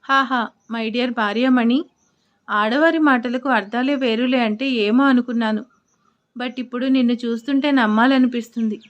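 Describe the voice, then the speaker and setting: A woman's voice: on the high side, steady tone, normal speed, dull audio, natural voice. A woman doing a teasing young husband.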